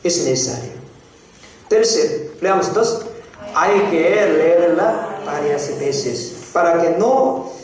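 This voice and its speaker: High-voiced pastor in a very echoey hall. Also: male voice, expressive, a little mellow, recorded from a distance. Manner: slow, repeats phrases, frequent "eh?" prompts to the congregation. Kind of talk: sermon teaching. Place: church hall.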